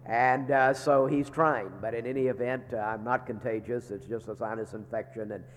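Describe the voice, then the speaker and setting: A man's voice: mid-range voice, fairly even intonation, moderate pace. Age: middle-aged. Sex: man. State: congested from a sinus infection, sounding like he's inside a barrel. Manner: folksy, joking chapel announcements. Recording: long reverb of a chapel hall. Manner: folksy and joking, with frequent "uh" fillers. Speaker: seminary leader giving chapel announcements. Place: large chapel.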